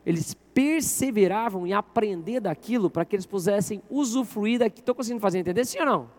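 A male pastor with a very high-pitched voice delivers a sermon in church. He talks with the crowd, asking questions and telling them to turn to the person beside them. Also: fairly quick, darkish tone. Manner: interactive, asks the congregation questions.

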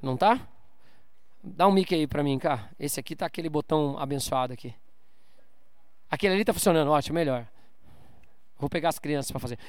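A slightly high-voiced man, clear and resonant, speaks a little fast and pauses often. He's a pastor giving a casual church sermon, informal in manner, joking with the crowd and calling out for amens. The audio is studio quality with no echo.

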